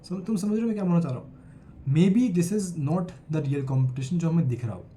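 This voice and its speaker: A man's voice: a little high, expressive, normal speed, warm tone, a little hiss or hum. An 18-year-old man with an Indian accent, talking earnestly to camera in a casual vlog, recovering from a cold. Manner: earnest, mixing Hindi and English. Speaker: student vlogger.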